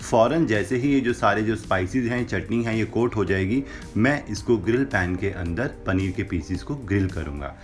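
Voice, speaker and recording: A young man with a fairly low voice hosts a cooking channel from a home kitchen with a brick wall. In this recipe voice-over he explains each step at a normal pace with lively intonation, mixing English phrases into his Hindi. Faint music plays behind him.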